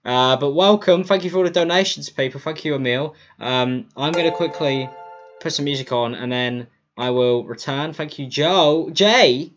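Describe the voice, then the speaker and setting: A man's voice: on the high side, normal speed, a bit bright. A man talks loosely to his stream through a cheap lo-fi mic that dulls his voice. He rambles, stumbles, and keeps apologizing. Faint music plays underneath. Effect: lo-fi livestream mic audio. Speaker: livestreamer. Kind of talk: casual livestream chat. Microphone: cheap computer mic for streaming.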